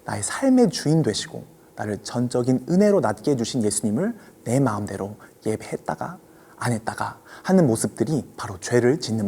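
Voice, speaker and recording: A man giving a children's sermon as a ministry preacher, telling the story gently and asking the kids questions. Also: medium pitch, slightly rough.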